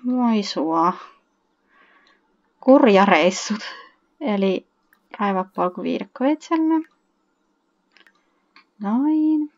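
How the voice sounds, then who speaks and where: A woman giving casual let's-play commentary, chatting to viewers, reading game text aloud and letting out excited shrieks. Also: mid-range voice, lo-fi sound. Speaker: gaming YouTuber.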